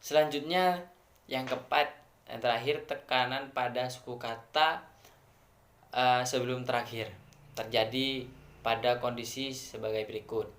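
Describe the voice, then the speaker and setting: A man's voice: medium pitch, steady tone, fairly bright tone. Man presenting a lesson in an echoey room. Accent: Indonesian. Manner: measured, explains step by step with many fillers. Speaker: student presenter. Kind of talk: academic presentation.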